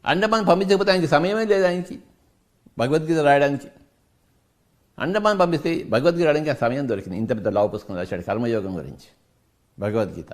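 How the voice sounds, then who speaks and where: A man's voice: a little high, quick pace, pauses often. A man with a Telugu accent giving a spiritual discourse as a meditation teacher, preaching emphatically and firing off rhetorical questions.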